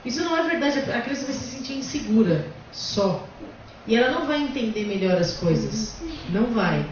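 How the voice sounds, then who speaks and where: A woman's voice: a little high, big pitch swings, normal speed, a little hiss or hum. A woman hosting a casual discussion, explaining bluntly and emphatically. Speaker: host. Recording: echoey, distant, dull lo-fi room.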